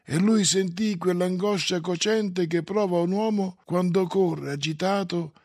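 Male narrator, measured and solemn, slow delivery, slightly high voice, faint music under him. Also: darkish tone, no room sound, clean studio sound. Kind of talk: audiobook reading of a classic novel.

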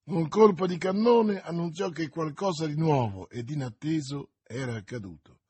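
A man reading a novel aloud with dramatic, expressive narration. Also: a little high, moderate pace, breathy edge, no echo.

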